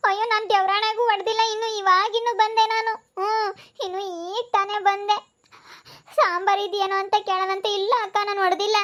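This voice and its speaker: A village neighbor woman, played by a woman keeps protesting and pleading in a very high voice. She speaks with a rural central Karnataka accent. The setting is a village comedy skit. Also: flat delivery, fairly quick, fairly bright tone. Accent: rural central Karnataka Kannada.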